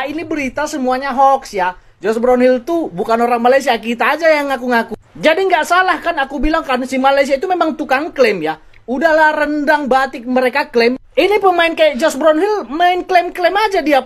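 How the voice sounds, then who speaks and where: Gossipy woman mocking football news. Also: high voice. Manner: gossipy, mocking, acts out quotes. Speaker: football commentator. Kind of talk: casual commentary.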